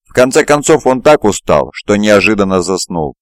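Male audiobook narrator, low voice, dry close home recording, steady reading. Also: moderate pace, no room sound. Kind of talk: scripted fantasy narration. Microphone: close mic, home recording.

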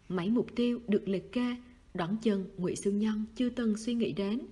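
Husky woman narrating a novel. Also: medium pitch, warm tone. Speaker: audiobook narrator.

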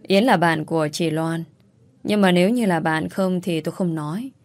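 A woman narrating a first-person family story in a steady, even reading. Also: on the low side, normal speed, no room sound.

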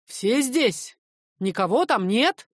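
A woman reading the part of a practical merchant man who gives brisk orders. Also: on the high side, lively intonation, no echo, studio quality.

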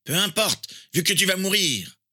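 A man voicing a cold, menacing male dark lord in a fan audiobook, haughty and contemptuous. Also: high voice, animated, normal speed, pitched above the performer's own voice, exaggerated voice.

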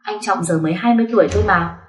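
A woman's voice: medium pitch, rapid-fire, a little hiss or hum, close to an everyday voice. A woman voicing a timid young woman of about twenty who speaks hesitantly. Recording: roomy echo.

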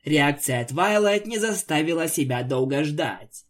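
Fan-story narrator, expressive, animated pitch, mid-range voice. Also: a little slow. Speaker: story reader.

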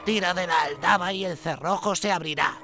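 A man voicing a sly, hungry wolf who talks in a falsely sweet, slow, coaxing way in a storybook reading. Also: a little high, animated, creaky, over music, voice pushed up.

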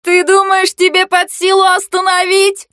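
A woman voicing a mocking, panicky young nobleman who swings from sneers to shrill outbursts, in a storybook reading. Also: measured pace, no echo, clean studio sound, close to an everyday voice.

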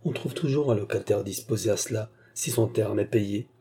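Storybook reading: a man doing an earnest young count, courteous and firm, with a dark, husky voice. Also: fairly low pitch, normal speed. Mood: commanding. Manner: respectful, hesitant with the lady, firm with his servant. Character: young nobleman, respectful, earnest and commanding.

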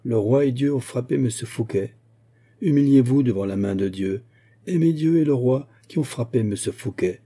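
A male narrator performs a shrewd bishop who was once a musketeer, speaking solemnly and commandingly with measured authority, as in a storybook adventure. The voice is very dark and husky, yet natural and medium in pitch.

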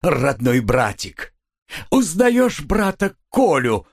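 A man's voice: medium pitch, very animated, unhurried. A man voicing a scheming young con man who talks in a gushing, falsely affectionate way, as an audiobook figure. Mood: fawning.

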